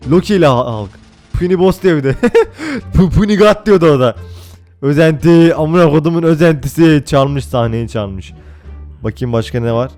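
Young man, gaming commentary, excitable, swears a lot, fairly high voice, faint music behind. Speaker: gaming YouTuber. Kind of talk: casual gameplay commentary.

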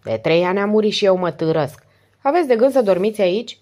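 A woman voicing a sick, complaining innkeeper woman with a hoarse, whining voice in an audiobook. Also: medium pitch, animated, warm tone, pitched above the performer's own voice, close to an everyday voice. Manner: querulous, self-pitying. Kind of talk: audiobook character voice.

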